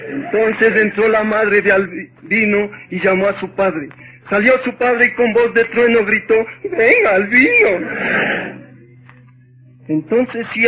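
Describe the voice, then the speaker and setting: A man with an Ecuadorian accent tells jokes on the radio in a rather high voice. He takes his time and lands each punchline dry. The sound is dull and lo-fi, with faint hiss behind it. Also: sharp tone. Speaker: radio joke teller. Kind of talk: radio joke telling. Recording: lo-fi old radio recording.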